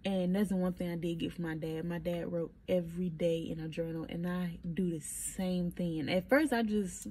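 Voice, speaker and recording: A young woman telling stories in a casual diary-style vlog, animated and emphatic, recorded on a phone. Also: lowish voice, normal speed, a little hiss or hum. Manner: animated storytelling, emphatic and encouraging. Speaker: vlogger.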